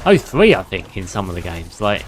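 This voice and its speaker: A man's voice: low voice, big pitch swings, normal speed, slight background noise. A man giving casual gameplay commentary as a streamer, chatty, swearing freely and laughing often. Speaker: gaming streamer.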